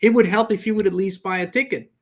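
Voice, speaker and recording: A man voicing God, who answers calmly and like a father in a told story. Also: high-pitched, quick pace, voice pushed up. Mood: fatherly. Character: God speaking calmly from the clouds.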